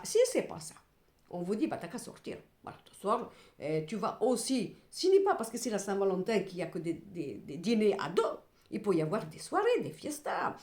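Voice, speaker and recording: A woman working as a clairvoyant, reading cards for her viewers in an animated, expressive way with exasperated comic asides. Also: mid-range voice. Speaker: clairvoyant card reader. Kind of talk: card reading addressed to viewers. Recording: roomy echo.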